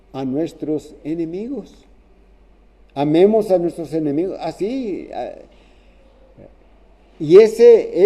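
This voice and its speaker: A man preaching a sermon in a halting way, restarting phrases and often checking in with "¿verdad?". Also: fairly high pitch, dark tone.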